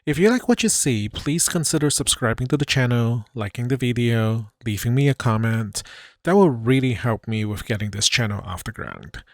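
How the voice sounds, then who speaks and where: Middle-aged guy doing a chill how-to voiceover, bit of fry in his voice, kinda pokes fun at himself. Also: medium pitch, animated, normal speed, no room sound, clean studio sound. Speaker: channel host. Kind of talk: voice-over narration of a drink-making video.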